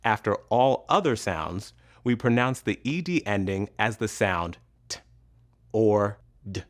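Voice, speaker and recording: A man teaching English pronunciation in a scripted lesson, enunciating each sound carefully and pausing between words. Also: on the low side, expressive. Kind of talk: slow, deliberate scripted instruction.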